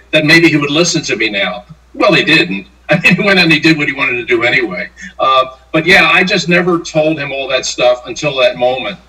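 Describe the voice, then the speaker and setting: A man's voice: medium pitch, pushed and bright, distant mic. An older man answering interview questions with long anecdotes, acting out the lines he quotes. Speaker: guest, sportswriter and playwright. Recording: roomy, off-mic sound.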